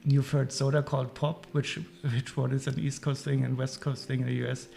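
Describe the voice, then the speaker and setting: Man, German accent, livestream host, casual chat, monotone, faint guitar music behind. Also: mid-range voice, brisk, creaky. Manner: chatty, muses aloud while sorting parts.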